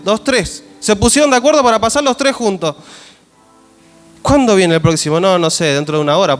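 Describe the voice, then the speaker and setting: High-voiced Rioplatense Spanish pastor preaching. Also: male voice. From Argentina. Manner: emphatic, asks the congregation questions. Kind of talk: sermon. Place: church hall. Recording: long church-hall reverb.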